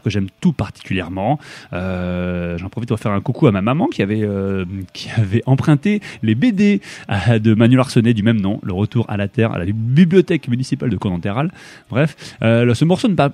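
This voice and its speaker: A young man from France hosting a radio show, talking casually and haltingly between tracks with lots of fillers and restarts. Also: lowish voice, a little mellow, dry recording.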